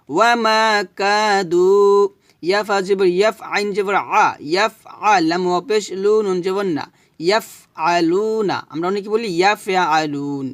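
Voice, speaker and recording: High, clear-voiced male Quran teacher. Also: dry recording, clean studio sound. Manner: spells syllables slowly, then recites drawn-out Arabic. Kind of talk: spelling out Arabic recitation lesson.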